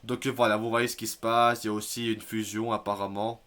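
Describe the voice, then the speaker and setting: A man giving casual spoken commentary on news articles, hesitant, filling pauses and restarting his sentences. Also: on the low side, little pitch movement, a bit bright. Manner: hesitant, many fillers and restarts, admits stumbling over words. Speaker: YouTube news vlogger.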